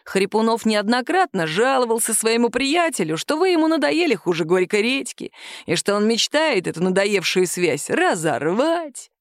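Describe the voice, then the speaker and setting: A woman voicing a calm, caustic male police captain who questions a suspect slowly in an audiobook. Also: fairly high pitch, dry recording. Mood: dry. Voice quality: nagging, dry. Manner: slow, calm, measured interrogation.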